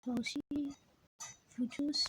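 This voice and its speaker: A woman giving casual commentary over her own gameplay, excitable, yelling at the game and restarting her sentences often. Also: takes it slowly, poor audio. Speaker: gamer narrating her play. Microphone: phone screen recorder mic.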